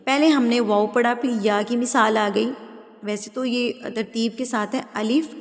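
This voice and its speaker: Patient woman teacher, higher voice, reverb. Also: steady tone. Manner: patient, explains rules and checks understanding with questions; switches into slow, drawn-out, louder recitation for examples. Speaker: Quran recitation teacher. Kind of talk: step-by-step tajweed lesson.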